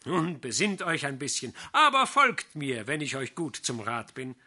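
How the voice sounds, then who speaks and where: A man's voice: medium pitch, very animated, a little slow, pitched above the performer's own voice, full character voice. A man voicing a boisterous, coaxing vagrant fiddler in an audiobook reading. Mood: jovial. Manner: loud, coaxing, exuberant. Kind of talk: audiobook character voice.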